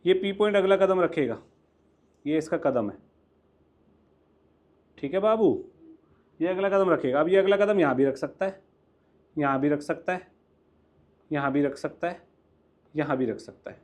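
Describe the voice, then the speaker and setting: A young man with an Indian accent teaching a maths class, lively and coaxing, often quizzing his students. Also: on the high side, unhurried, long pauses. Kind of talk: classroom lecture mixing Hindi and English.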